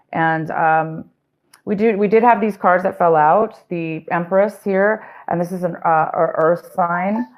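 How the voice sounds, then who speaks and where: A woman with a fairly low voice and cut-off highs gives a casual, rambling tarot reading straight to her viewers. She uses fillers and restarts and mentions that she is losing her voice.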